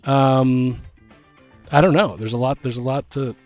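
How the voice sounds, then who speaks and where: Co-host and game master of a gaming podcast, this man chats casually about tabletop gaming in an average-pitched, slightly mellow voice. He rambles, halts mid-thought and restarts as he thinks aloud, with background music faintly audible on the lo-fi recording.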